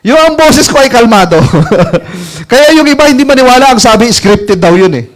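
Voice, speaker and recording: This network marketing mentor's high, animated voice moves at normal speed as he tells the crowd a casual story. Very chatty, he laughs frequently and asks "alam mo yung ganun?" while the audience laughs.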